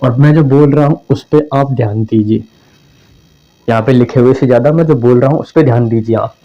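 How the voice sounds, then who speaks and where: Here a man with a warm, mid-range voice speaks fairly quickly. He's teaching an exam-prep lesson in a chatty way, repeating himself and dramatizing phrasings to make their sense clear. Recorded at home, the sound is dull and lo-fi.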